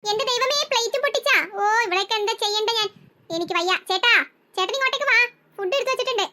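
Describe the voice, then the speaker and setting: A woman's voice: very high voice, racing. A woman voicing a harried, exasperated mother who scolds her children in a family comedy sketch. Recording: noisy home recording.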